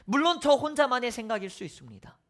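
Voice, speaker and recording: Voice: mid-range voice, very animated, fast, a bit bright. A preacher giving a sermon, telling the story with rhetorical questions and sudden drops to a whisper.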